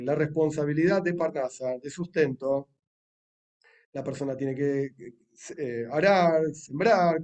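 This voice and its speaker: Argentine man, rabbi giving a casual Torah lesson; slightly high voice, chatty and wry, recorded a bit off-mic. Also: a little mellow, distant mic. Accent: Argentine Spanish. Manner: chatty and joking, with wry asides. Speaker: rabbi teaching a Torah class.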